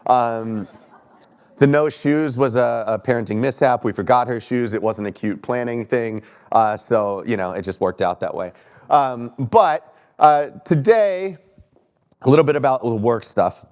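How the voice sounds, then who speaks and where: Medium in pitch, a little slow, with a darkish, clear, resonant tone, this man from Texas is in his thirties and a bit stuffy from allergies. As keynote speaker at a conference, he jokes at his own expense, chats, and asks the crowd questions from a lecture hall stage.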